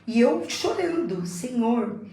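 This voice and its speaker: A woman's voice: on the high side, animated, slow pace, warm tone. Woman telling a testimony in an echoey room. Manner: emotional faith testimony, repeats herself. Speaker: guest. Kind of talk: casual chat, testimony.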